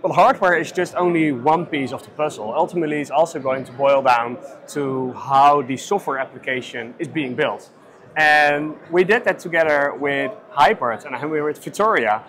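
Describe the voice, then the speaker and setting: A man's voice: a little high, normal speed, a bit bright. A man in his thirties interviewing a guest at a trade-fair booth, upbeat and promotional, often ending points with "right?", on a lapel mic.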